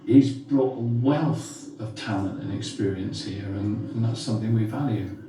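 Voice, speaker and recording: A man teaching a class and leading a simulation game, talking in a brisk, directive way, recorded from a distance in a classroom. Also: on the low side, background noise. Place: school classroom. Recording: echoey room, mic far off.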